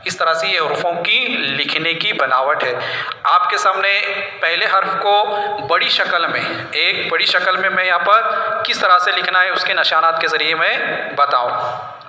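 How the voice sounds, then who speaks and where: A man's voice: high voice, measured pace, pushed and bright. A man teaching an Urdu alphabet lesson in a patient way, asking questions and answering them himself. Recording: echoey room.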